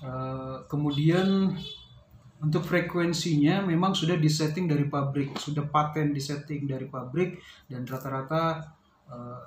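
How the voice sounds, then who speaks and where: A male vlogger reviews a product in a casual, unscripted explainer, hesitating and pausing to search for words. His voice is fairly high and a little mellow. He is in a small, bare-walled room indoors, which adds roomy echo and faint background noise.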